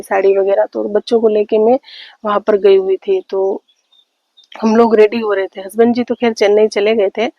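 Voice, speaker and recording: A woman tells a personal story slowly and haltingly, with many fillers and restarts. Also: medium pitch, warm tone, no room sound. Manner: slow, hesitant retelling with many fillers and restarts. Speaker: vlogger. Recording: slightly dull lo-fi audio with faint noise.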